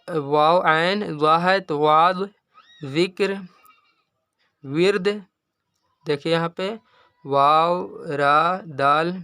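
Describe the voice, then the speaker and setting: A man teaching a reading lesson, taking each word slowly and repeating it for his learners. His voice sits fairly high and sounds smooth and clear. The recording is dry and close, with no room sound. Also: fairly bright tone, dry recording. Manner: slow, patient, repeats words for learners. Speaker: Urdu teacher. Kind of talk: reading lesson, spelling out letters.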